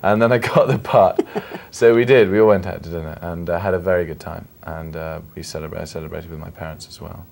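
A young man in his late teens from Scotland with a London accent, a film actor giving polite, earnest, halting answers in an interview. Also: deep voice, steady tone, gravelly, darkish tone. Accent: London English.

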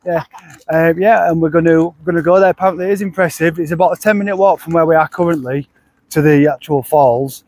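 A man's voice: on the high side, steady tone, a little fast, a little mellow, no echo, poor audio. A man narrating a casual travel vlog outdoors. He talks chattily into a handheld camera, rambling with restarts. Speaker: travel vlogger. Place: outdoors at a car park and riverside path.

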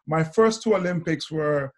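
A man, hosting an interview over a video call, animated and quick to laugh. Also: fairly high pitch, noisy background. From Jamaica. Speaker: host. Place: indoor room before a branded backdrop.

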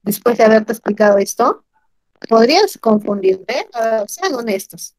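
A woman teaching grammar in an online class, animated and asking her students questions often. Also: fairly high pitch, a little slow, no room sound, rough recording.

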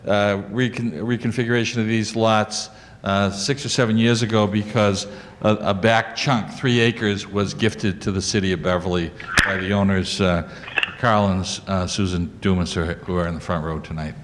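Presenting a lot plan to a planning board, an older man talks at a moderate pace in a lowish, slightly bright voice with fairly even intonation. He moves about a wood-paneled council chamber with a handheld mic during the public meeting, filling his speech with fillers and restarts, and the recording is echoey with light noise.

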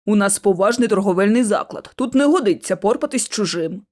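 A woman's voice: medium pitch, expressive, brisk, darkish tone, lightly acted. A woman voicing a fussy, stiff middle-aged male store manager who speaks in a prim, dismissive way.

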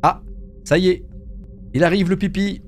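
A man commentating a horror game let's play in a jokey, animated way. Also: high voice, moderate pace, soft background music. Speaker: gaming YouTuber.

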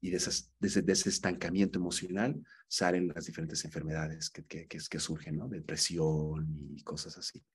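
A man leads an acting class with a low, husky voice. He gives his students earnest feedback and often stumbles into repeated words while finding his point. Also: little pitch movement, normal speed, hardly any pauses. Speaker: acting teacher.

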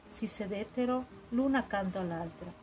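A woman narrating a mystery novel as an audiobook reader, calm and clear. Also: medium pitch, moderate pace, a little hiss or hum, poor audio.

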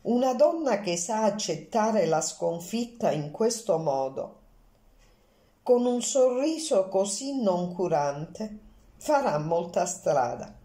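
A woman's voice: mid-range voice, big pitch swings, slow pace, warm tone, roomy sound. A woman voicing a fussy, courteous Belgian male detective in an audiobook, speaking formally and precisely.

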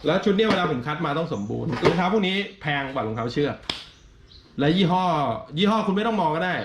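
A man's voice: sits high, sing-song, quick pace, noisy background. A middle-aged man, a shoe seller, giving blunt, coarse advice in casual chat. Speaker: second-hand shoe seller and co-host. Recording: roomy, slightly dull sound.

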